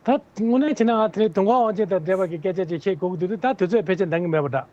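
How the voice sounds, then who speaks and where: High-voiced man on a muffled line. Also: fast, darkish tone. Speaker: political candidate interviewed as guest. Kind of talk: answering interview questions at length.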